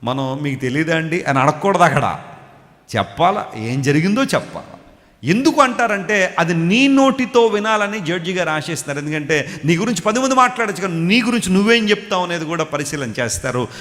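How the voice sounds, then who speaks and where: High-voiced preacher in echoing hall. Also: male voice, lively intonation, a little fast, a bit bright. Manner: storytelling preacher, addresses listeners directly. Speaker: pastor. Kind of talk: sermon. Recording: long hall reverb.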